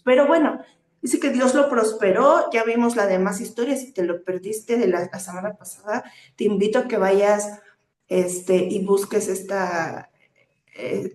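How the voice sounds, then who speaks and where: A woman's voice: medium pitch, a little mellow. A woman preaching a sermon, teaching earnestly with rhetorical questions and frequent hesitant fillers. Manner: hesitant fillers between phrases. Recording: echoey room.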